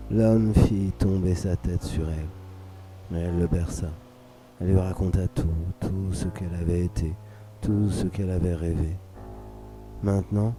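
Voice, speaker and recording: A man reading a scripted dramatic story for radio in a measured, solemn, literary way. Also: sits low, mellow. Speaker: narrator. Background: music under the voice.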